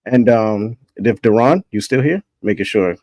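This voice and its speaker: A man's voice: lowish voice, animated, moderate pace, a little mellow, no echo. A man hosting a casual wrestling chat with friends, laid-back and rambling, laughing easily. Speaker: host running a wrestling bracket show.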